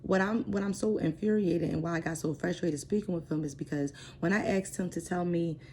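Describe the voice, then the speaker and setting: A woman's voice: fairly low pitch, fairly quick, darkish tone, slight background noise. A woman in her thirties hosting a personal vlog, talking bluntly and with frustration about her family. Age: 30s. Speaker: vlogger.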